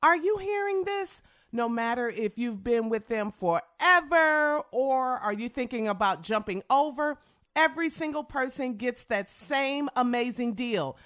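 A woman's voice: on the high side, animated, unhurried, fairly bright tone. A woman radio co-host talking in an emphatic conversational style, repeating words for punch. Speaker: morning radio show co-host. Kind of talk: conversational radio ad read and banter.

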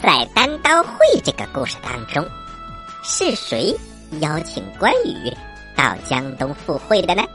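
A woman voicing a cheerful little frog quiz host for children in a playful, cartoonish frog voice with croaks. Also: deep voice, huge pitch swings, a little slow, bright, forceful tone, faint music behind, heavily acted. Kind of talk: children's story show quiz segment.

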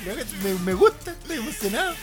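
Animated Chilean man, slangy podcast chat. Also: very high voice, fast, over loud music. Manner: slangy, laughs often, animated. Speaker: podcast co-host. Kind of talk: casual chat.

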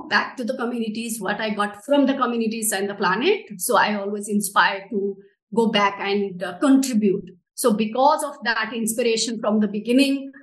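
Heard as an interview guest, a middle-aged Nepali social enterprise director offers earnest explanations in a voice on the high side, with a Nepali accent and non-native English phrasing. The recording is reverberant and low in quality.

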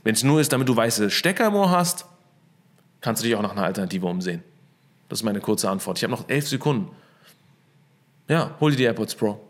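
A man's voice: on the low side, lively intonation, fairly quick, long pauses. A young man hosting a casual motivational talk from his apartment into a studio microphone, upbeat, with English phrases mixed into his speech. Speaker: host.

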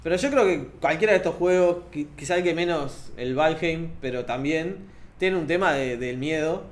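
Young man, animated gaming chat. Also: on the high side, normal speed, a little hiss or hum. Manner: animated, laughs often, many restarts.

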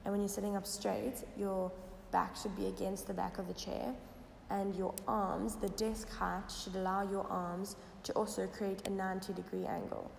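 A woman with a croaky, froggy, slightly hoarse voice gives lifestyle tips in a casual, explanatory solo podcast style. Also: medium pitch, level tone, moderate pace. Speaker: podcast host. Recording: echoey, reverberant room with noise.

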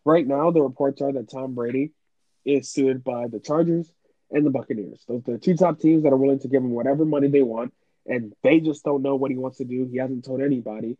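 A chatty man co-hosting a sports podcast, talking in a relaxed, mellow voice with lively asides. The sound is dry and a little dull, like a lo-fi recording. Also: medium pitch, no echo. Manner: chatty, animated, quick asides. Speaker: podcast co-host. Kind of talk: casual sports podcast chat.

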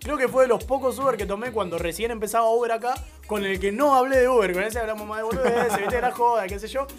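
A man with an Argentine Rioplatense accent co-hosting a live radio show, chatting casually and telling animated, laughing anecdotes. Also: very high-pitched, fast, music in the background. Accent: Argentine Rioplatense Spanish. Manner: animated storyteller, laughs often.

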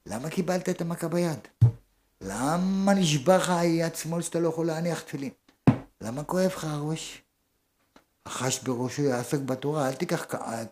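A man giving a rabbi's Torah lesson, asking the listeners rhetorical questions and swinging between raised and hushed speech. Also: mid-range voice.

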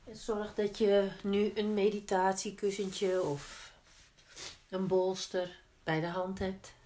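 A woman teaching yin yoga, guiding gently step by step with unhurried pauses between instructions. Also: medium pitch, level tone, a little hiss or hum. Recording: roomy, echoing indoor sound.

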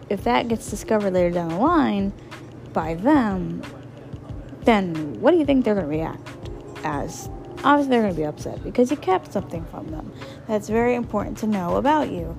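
A solo podcast host with a gravelly, hoarse, medium-pitched voice that's a little mellow rambles informally while offering casual advice. Her voice is partly lost, and she repeats phrases for emphasis.

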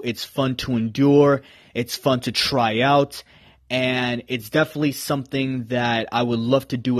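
A man in his twenties hosting a solo podcast in a casual, rambling way. He is enthusiastic and self-deprecating. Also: medium pitch. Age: 20s. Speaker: podcast host.

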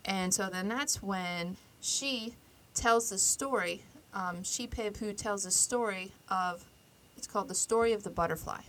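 A woman co-hosting a podcast, casually retelling a story with lively acted-out quotes. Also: mid-range voice. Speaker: podcast co-host.

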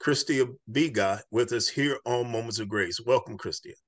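A man's voice: medium pitch, moderate pace, fairly bright tone, no room sound. A man hosting an interview show, encouraging his guest, often stumbling and repeating words as he asks questions. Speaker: show host. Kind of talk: interview conversation.

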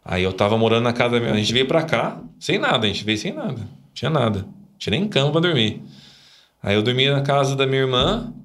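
A man's voice: mid-range voice, very animated, quick pace, a bit bright. A man, a podcast guest telling a personal faith story in a rambling way, tagging his sentences with little questions. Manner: rambling, frequent "né?" tags, emotional storytelling. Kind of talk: conversational testimony.

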